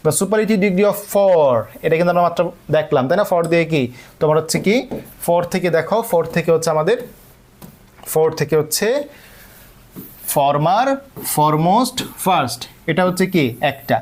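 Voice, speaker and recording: A man's voice: a little high, normal speed, a little mellow. Bangladeshi man teaching an online class. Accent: Bangladeshi Bengali.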